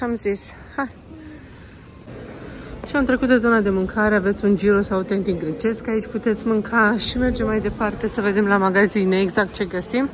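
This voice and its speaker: A Romanian woman in her thirties vlogging casually while walking through a shopping mall, chatting to the camera and gently coaxing her small child, slipping into English phrases. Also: medium pitch, slight background noise. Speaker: vlogger and mother.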